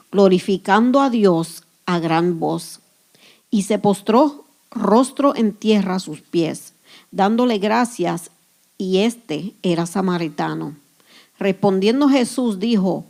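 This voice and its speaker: A woman reading a Bible passage aloud in church, slow and measured. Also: medium pitch, creaky, dark tone. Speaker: scripture reader. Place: church in the Bronx.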